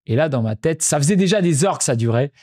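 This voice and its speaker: A man's voice: a little high, lively intonation, fast talker, a little mellow. A man hosting a podcast, telling stories of fatherhood in a reflective, casual way, repeating phrases for emphasis. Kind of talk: casual storytelling monologue.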